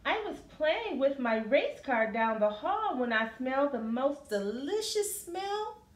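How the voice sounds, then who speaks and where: A woman's voice: sits high, very animated, a little slow, voice pushed up. A woman voicing an eager, polite, wide-eyed little boy in a storybook. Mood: eager curiosity. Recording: roomy, echoey sound.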